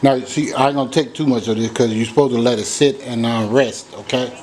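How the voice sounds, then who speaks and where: A man's voice: medium pitch, steady tone, a little fast. Chatty man cooking at home. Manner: loose, chatty, tastes food on mic. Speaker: home cooking channel host. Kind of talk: casual live-stream cooking talk. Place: home kitchen. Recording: noisy home recording with frying. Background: sizzling frying.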